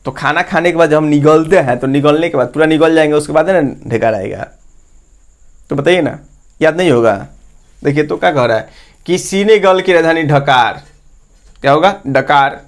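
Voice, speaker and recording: A male teacher runs an exam-prep lesson in a fairly high voice. He keeps quizzing his listeners with the same questions and then answers them himself. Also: normal speed.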